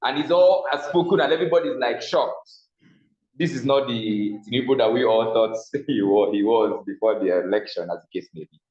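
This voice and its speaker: A man with a Nigerian accent lectures a public speaking class, often putting a question to the room and answering it himself. His mid-range voice is brisk and a little mellow, recorded in an echoey room with slightly dull sound.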